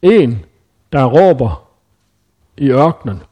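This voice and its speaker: A man's voice: mid-range voice, very animated, husky, highs cut off. A man preaching in a conversational Bible-teaching style, thinking aloud with frequent hesitations and self-corrections.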